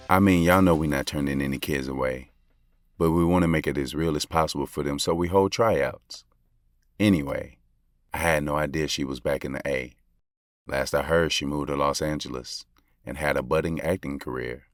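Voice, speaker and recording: In a bass voice recorded cleanly in the studio with no echo, an American actor plays a basketball coach full of love and regret. He narrates an audio drama in a slangy, confessional, earnest way, confiding in listeners over background music.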